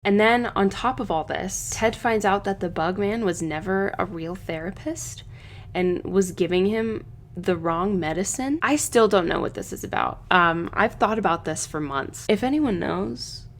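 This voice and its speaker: A woman giving a casual, thoughtful book analysis, often pausing with "um" as she works through her ideas. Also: mid-range voice, lively intonation. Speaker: book reviewer. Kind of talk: book analysis video essay.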